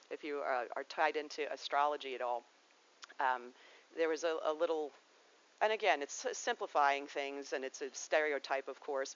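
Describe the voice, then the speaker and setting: A woman's voice: sits low, muffled recording. A woman yoga teacher giving a casual spoken lesson, rambling and digressive, often restarting her sentences.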